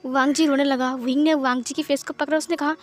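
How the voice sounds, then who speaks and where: A woman narrating a fan-fiction story in a steady, plain storytelling manner. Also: high voice, a little fast, soft background music.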